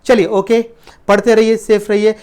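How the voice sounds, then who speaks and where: A man's voice: high-pitched, little pitch movement, a little mellow. Chemistry teacher, man. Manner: repeats key terms slowly, asks students "clear?". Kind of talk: casual classroom lecture.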